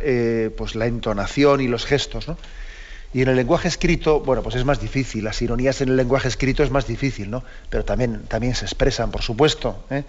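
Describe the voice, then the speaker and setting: A man presenting a moral teaching program, reading a text aloud and then explaining it while checking in with listeners through tag questions. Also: mid-range voice. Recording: dull lo-fi recording.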